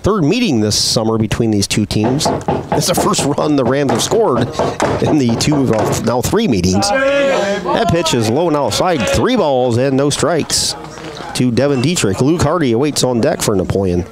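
Lively baseball play-by-play man. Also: mid-range voice, normal speed, very noisy. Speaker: play-by-play announcer. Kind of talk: live baseball commentary.

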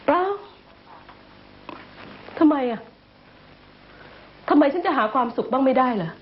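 An actress playing a jealous young wife who has been drinking, sarcastic and accusing, with tearful outbursts. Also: female voice, high voice, lively intonation, a little slow, a little hiss or hum. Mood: sarcastic tipsy. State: tipsy from drinking. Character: jealous, tipsy young wife, bitter and wounded. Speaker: wife in a TV drama. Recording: dull lo-fi TV sound with music score.

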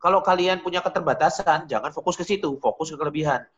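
A man's voice: on the high side, fast, a bit bright. Casual male art teacher, dull audio. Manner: casual, direct, repeats points to students. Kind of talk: online digital painting class.

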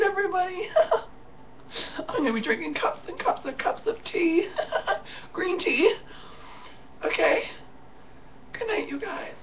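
A hoarse woman talks slowly to the camera, her high, rough voice swinging widely in pitch. She sounds worn out and stops often with fillers and soft laughs. The sound is muffled and a little distant, with faint room noise. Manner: tired, halting, many fillers and soft laughs. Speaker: vlogger. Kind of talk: casual chat to camera. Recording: muffled, slightly distant home recording.

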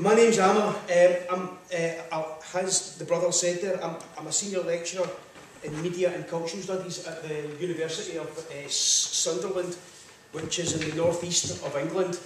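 A Scottish man giving a public lecture as a guest speaker stands at a podium in a large lecture hall, chatty and joking, frequently saying "right, okay." His high-pitched voice keeps fairly even intonation at normal speed. A far-off camera records him, so the hall sounds echoey, with slight background noise.

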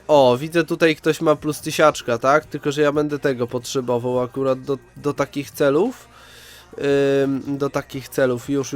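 A man's voice: mid-range voice, fairly bright tone. A man with a congested, nasal voice from a head cold, chatting casually to viewers as he hosts gaming commentary. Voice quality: nasal, stuffed-up voice. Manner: chatty, addresses viewers directly. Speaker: gaming video host. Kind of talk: casual let's-play commentary.

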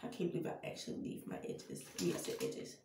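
A young woman with a stuffy nose talks briskly over background noise while getting ready on camera. It's a chatty Halloween makeup vlog in which she calls her viewers y'all. A camera on a stand a few feet away records her in a small tiled bathroom, picking up distant, echoey sound.

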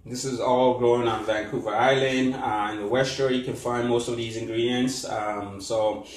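A man's voice: medium pitch, steady tone, normal speed. A man, a chef, giving a live cooking demonstration at a kitchen island, explaining steps with frequent fillers and restarts. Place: large open-plan kitchen with island. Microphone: far camera. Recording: echoey kitchen, camera mic from a distance.

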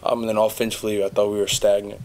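A young man, a college basketball player, giving measured, steady answers at a postgame press conference, seated at a table mic. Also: lowish voice. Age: young adult. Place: press conference room in front of a backdrop.

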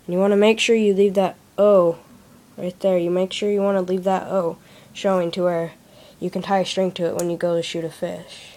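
A woman's voice: lowish voice, little pitch movement, a little fast, warm tone, a little hiss or hum. A woman giving a casual step-by-step how-to explanation at a desk in a small room, recorded on a handheld phone. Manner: plain, step-by-step instructive talk. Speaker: craft demonstrator.

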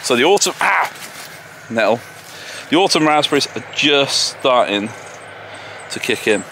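A man's voice: medium pitch, lively intonation, measured pace, gravelly, pushed and bright, a little hiss or hum. A man with an English accent giving a casual, chatty walking tour of his homestead outdoors, often poking fun at himself. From England. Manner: chatty and self-deprecating. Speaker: homesteader vlogger. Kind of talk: casual walk-and-talk tour. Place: outdoors in a garden and orchard. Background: distant tractors and farm vehicles.

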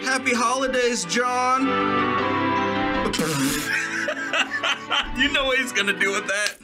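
A person giving casual reaction commentary, animated and breaking into giggles. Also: mid-range voice, slow pace. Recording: music behind the voice.

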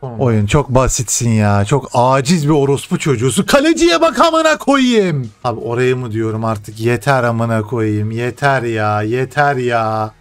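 Young man, gaming commentary, swears and shouts at the game, faint music behind, desk mic. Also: mid-range voice, fairly even intonation, normal speed, few pauses. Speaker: gaming streamer. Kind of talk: live gameplay commentary.

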